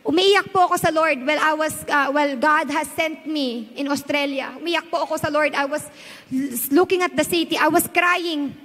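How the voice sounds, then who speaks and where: Filipino woman pastor, very high voice, emphatic sermon, long hall reverb. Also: normal speed, fairly bright tone. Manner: switches between Tagalog and English, emphatic preaching.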